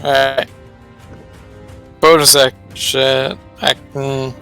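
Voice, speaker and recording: A man playing a tabletop game, declaring his actions with a dry, unhurried delivery. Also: mid-range voice, little pitch movement, creaky, pushed and bright, smooth, faint music behind. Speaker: player. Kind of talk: casual game chat.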